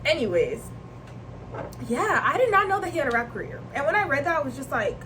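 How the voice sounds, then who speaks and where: A young woman from Nigeria rambles through a casual vlog chat, full of slang and quick laughs. Her voice sits a little high. A clear background noise runs under the home recording. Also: very animated. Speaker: vlogger.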